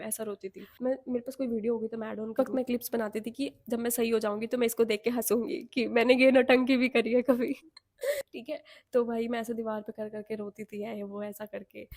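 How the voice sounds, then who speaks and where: A young woman with an Indian accent telling a personal story to camera in a candid, animated, self-mocking way. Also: a little high. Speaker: vlogger.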